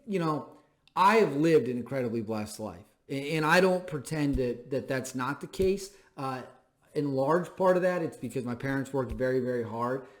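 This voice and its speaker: A thirty-year-old man hosting a show, speaking an emphatic, plainspoken commentary monologue and repeating phrases for stress. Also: a little high. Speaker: show host. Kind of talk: opinion commentary monologue to camera.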